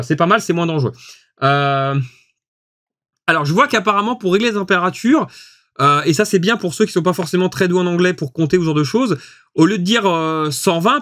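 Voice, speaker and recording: A chatty man with a fairly high voice walks through a new tool in a relaxed review. He laughs easily and fills his sentences with hesitations. The sound is dry and close. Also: no room sound. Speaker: host testing equipment. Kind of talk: casual product review.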